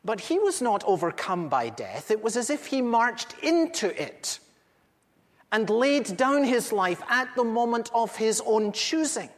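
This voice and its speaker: A man's voice: very high-pitched, big pitch swings, a little slow, exaggerated voice. A man performing a first-person dramatic monologue as an aged apostle recounting what he witnessed, earnest and intimate with dramatic swells. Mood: solemn. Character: aged male apostle recounting eyewitness memories. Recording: echoey hall with long reverb.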